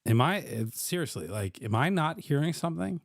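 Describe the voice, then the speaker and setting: A man's voice: on the high side, very animated, brisk, creaky, background noise. A man hosting a casual reaction commentary, often repeating words as he stumbles, and swearing now and then. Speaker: commentator host.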